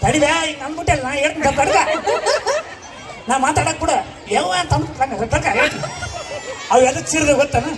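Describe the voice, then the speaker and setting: Bantering stage comic, very high voice, distant, crowd noise. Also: male voice, quick pace, long pauses. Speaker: comedy performer on stage. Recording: far from the mic, loud crowd, noisy.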